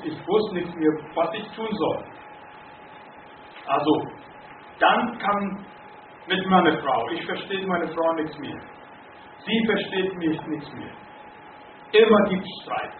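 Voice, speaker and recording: Preacher guy telling his testimony, slow and earnest, echoey hall, tinny and far away. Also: a little high, noisy background. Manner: slow, earnest storytelling, rising to emphatic preaching. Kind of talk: sermon testimony. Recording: distant, roomy, phone-like, faint ambience.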